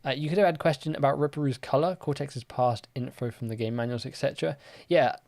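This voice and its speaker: Talking fast with vocal fry in a mid-range voice, a chatty young man hosts a live quiz stream. He stays relaxed, drops in many fillers, and reads out chat questions and viewer comments before answering them.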